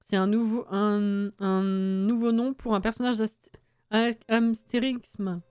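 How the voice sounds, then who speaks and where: A woman's voice: medium pitch, steady tone, measured pace, mellow, clean tone, dry recording, clean studio sound. A young woman chatting casually on a live stream while building in a game, reading chat aloud, swearing and laughing often.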